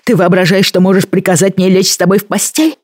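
A woman's voice: fairly low pitch, lively intonation, moderate pace, a little mellow, slightly rough, no room sound, clean studio sound. A reader voicing a defiant young woman. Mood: indignant. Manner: heated, indignant.

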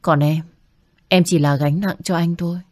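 A woman voicing a humble young medical student who speaks politely and pleads softly, recorded dry. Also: on the low side, steady tone, moderate pace, no echo, close to an everyday voice. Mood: earnest.

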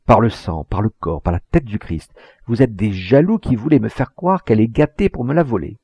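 A man voicing an obsessive, proud, volatile old master painter, husky and emphatic, in a storybook reading. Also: medium pitch, sing-song, a little slow, warm tone, dry recording, heavily acted. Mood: furious. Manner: impassioned, emphatic, with hesitations. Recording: dull lo-fi recording.

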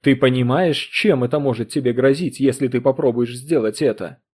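Man doing a cold bitter old historian, husky. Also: animated, mellow. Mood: harsh. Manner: low, slow, cutting, then furious. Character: bitter older male historian, cold and harsh.

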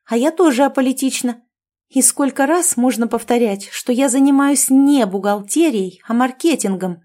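Indignant young woman zhenya, read by a woman, a bit higher, mellow tone. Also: normal speed, close to an everyday voice. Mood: exasperated.

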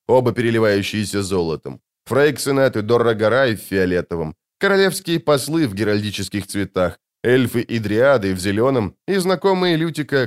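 Male audiobook narrator, lively pitch, measured dramatic reading.

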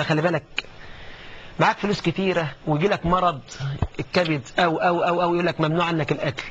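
Egyptian preacher, hushed to fiery. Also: male voice, fairly high pitch. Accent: Egyptian Arabic. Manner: dramatic, swings from hushed to rising exclamations. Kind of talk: colloquial sermon. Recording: dull lo-fi recording with faint noise.

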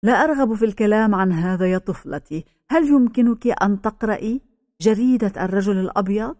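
A woman voicing an aging male village pastor who speaks slowly and solemnly. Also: mid-range voice, darkish tone, no echo, studio quality, lightly acted. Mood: grave.

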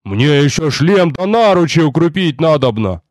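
A man voicing a big, boisterous male warrior who roars and shouts in folksy speech. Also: on the high side, big pitch swings, normal speed, no echo, studio quality. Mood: scolding. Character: burly bearded male warrior, loud and boisterous.

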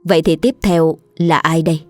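A woman storyteller narrating a ghost story in a measured, even way. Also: low-pitched. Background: soft background music.

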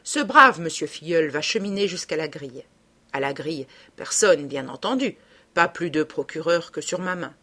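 A woman voicing a cruel, sneering male court clerk in an audiobook, in a husky, fairly low voice. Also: expressive, moderate pace, pushed and bright, heavily acted. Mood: menacing. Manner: sneering, hammering his syllables. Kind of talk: audiobook reading.

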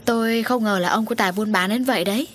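A woman's voice: mid-range voice, fast talker, slight background noise, pitched above the performer's own voice, natural voice. Give me a fretful scolding middle-aged mother, acted by a woman reading a story. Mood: worried. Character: worried middle-aged mother, anxious and nagging.

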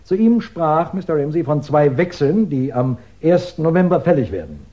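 In a 1960s German radio crime drama, an actor plays a police investigator who sets out his case methodically and insistently while staying courteous, measured, explanatory and assured. His voice is on the high side, very animated and warm, with the highs cut off.

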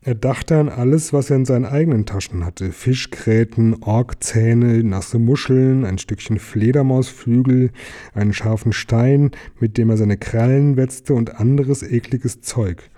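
A man calmly reading a children's fantasy book aloud as narrator. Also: medium pitch, unhurried. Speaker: audiobook reader. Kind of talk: storybook narration.

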